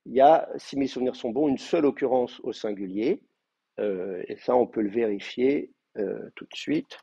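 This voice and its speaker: A man's voice: mid-range voice, moderate pace, vocal fry, mellow, slightly rough, no room sound, highs cut off. A man with a French accent giving a university lecture on biblical Hebrew, hesitant with many fillers and restarts. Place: classroom, also streamed to remote students.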